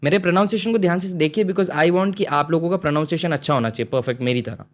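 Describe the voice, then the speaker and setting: A man's voice: on the high side, quick pace. Man teaching a language lesson. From India. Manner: explains step by step with frequent "theek hai?" checks. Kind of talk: online lesson in Hindi-English mix.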